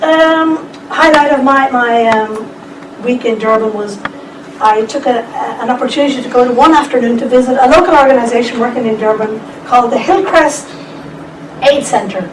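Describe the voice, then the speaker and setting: A woman giving a chatty presentation at a seminar, with asides to the audience. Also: on the high side. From Ireland. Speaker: conference speaker. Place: lecture room. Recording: echoey room, distant mic, background noise.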